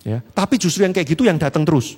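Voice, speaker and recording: A man, preaching a sermon in a church hall, animated and acting out quoted voices, then dropping low and slow for earnest points. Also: slightly rough. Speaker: pastor. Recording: long church reverb.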